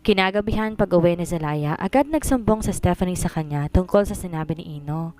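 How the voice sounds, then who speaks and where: A woman's voice: fairly low pitch, animated, fairly quick, a little mellow, no echo, poor audio. A woman narrating a dramatized story, mixing English into Tagalog.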